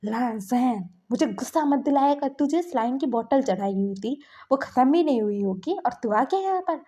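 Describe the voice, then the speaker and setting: A woman doing a bossy, protective young man in a read-aloud story, higher voice, mellow tone. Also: lively intonation, moderate pace. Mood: angry. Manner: scolding, bossy. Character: protective, scolding young man, best friend.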